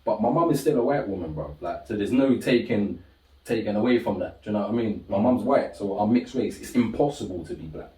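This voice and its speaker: A young man from Britain, co-hosting a podcast in casual chat, animated and full of slang, jumping up in pitch when telling stories. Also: fairly quick. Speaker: podcast co-host. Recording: roomy, from far off the mic.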